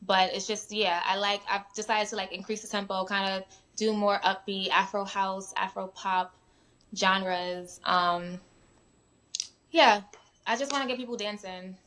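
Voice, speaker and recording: Sirens come and go behind this young New Yorker, a guest musician chatting casually in an interview. Relaxed and full of "um"s and "like"s, she talks at a medium pitch and a slightly slow pace.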